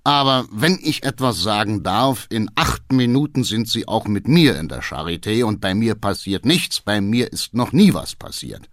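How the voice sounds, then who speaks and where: A man's voice: on the low side, sing-song, normal speed, hardly any pauses, a bit bright, dry recording, clean studio sound. A man voicing a stiff, formal cab driver. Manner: formal and deferential. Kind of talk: audiobook character voice.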